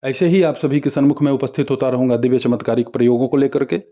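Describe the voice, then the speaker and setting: Guy teaching mantras, chants them slow and steady, kinda muffled lo-fi audio. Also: mid-range voice. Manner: slow measured chanting of Sanskrit verses. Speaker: spiritual teacher. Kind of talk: devotional instruction with mantra recitation.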